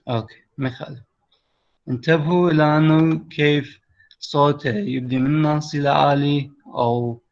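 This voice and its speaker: A man's voice: a little high, vocal fry. A man with an Iraqi accent teaching a class over a video call, explaining step by step and checking that his students follow. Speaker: English teacher. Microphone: computer mic on a video call. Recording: lo-fi online call audio.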